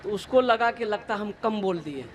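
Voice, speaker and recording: A man's voice: high voice, lively intonation, normal speed, background noise. A male Islamic preacher giving a fervent sermon, firing off rhetorical questions and exclamations and often laughing as he preaches.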